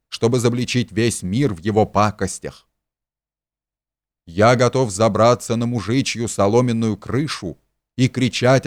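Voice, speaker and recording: Man playing a shrill, pompous self-righteous hypocrite. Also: no room sound, clean studio sound, close to an everyday voice. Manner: preachy, shrill and indignant.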